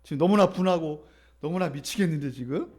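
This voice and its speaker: A man's voice: fairly high pitch, a little fast, darkish tone. A male pastor giving a conversational sermon, often asking the congregation questions.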